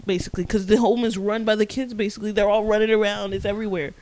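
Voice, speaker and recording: A young woman co-hosting a podcast in casual chat, telling animated stories and laughing easily. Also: mid-range voice, rough recording. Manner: animated storytelling, quick laughs. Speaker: podcast co-host. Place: Florida.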